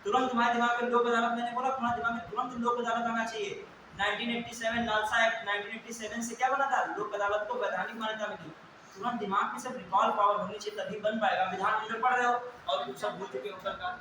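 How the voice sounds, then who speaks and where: A man's voice: very high-pitched, little pitch movement, fast talker. A young adult male teacher giving a classroom lecture, quizzing students and answering his own questions. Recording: very echoey room, distant mic, clear hiss.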